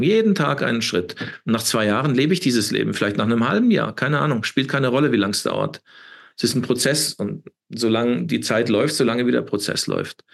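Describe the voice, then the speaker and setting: A man's voice: mid-range voice, creaky, breathy edge. A man in his fifties talking as an interview guest, emphatic and preachy, often repeating words and ending with a questioning tag. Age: 50s. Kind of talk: impassioned interview talk.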